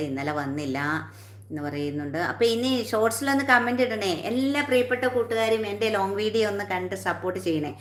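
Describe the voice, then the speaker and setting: A woman's voice: on the low side, a bit bright, roomy sound. A woman hosting a casual live stream, chatting with viewers and greeting each one by name.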